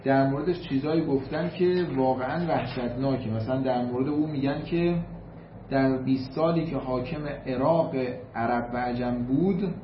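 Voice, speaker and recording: A man's voice: medium pitch, a little hiss or hum. A man from Iran giving a storytelling sermon, emphatic, repeating key points and reciting Arabic quotations before translating them. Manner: emphatic, repeats figures for weight. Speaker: religious lecturer. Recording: roomy, slightly dull recording.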